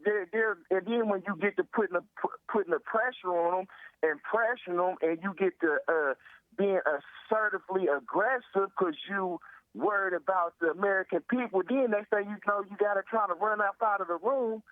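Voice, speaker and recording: A man's voice: high voice, a little fast, no room sound. A man calling in over a phone line to a talk show, chatting casually and rambling, often repeating stock phrases. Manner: rambling, repeats "long story short" and "you see what I'm saying". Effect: heard over the phone. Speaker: caller. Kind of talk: casual call-in chat.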